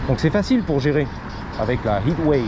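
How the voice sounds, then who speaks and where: A man rambles to his viewers in loose slang, his voice sitting a bit high. He is outside by a busy road, and the traffic noise comes through clearly. The audio is muffled and lo-fi. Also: very animated, quick pace. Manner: slangy and rambling, drops English phrases. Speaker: vlogger. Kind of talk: casual street vlog chat. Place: outdoors on a street and parking lot. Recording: dull audio with loud street and traffic noise.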